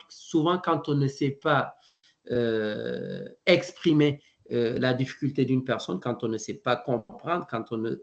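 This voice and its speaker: A man giving an online presentation to educators, halting often with fillers and restarts. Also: medium pitch, highs cut off. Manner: hesitant, frequent fillers and restarts.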